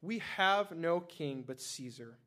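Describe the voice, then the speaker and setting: An angry crowd of leaders, read by a man in a scripture reading, with emphatic, raised lines. The mid-pitched voice pushes hard but stays one reader. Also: normal speed, lightly acted.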